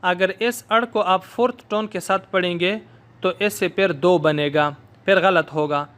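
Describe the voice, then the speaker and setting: A man from Pakistan, teaching a recorded language lesson and repeating each word slowly for students to echo. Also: sits high, fairly even intonation, a bit bright, clean tone. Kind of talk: recorded lesson, slow drilled pronunciation.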